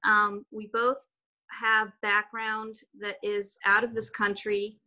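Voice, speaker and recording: Taking her time, this woman speaks at medium pitch in a level, pushed and bright voice. A guest artist on a video call, she first learned German and Swiss German, and her casual talk meanders a little with false starts.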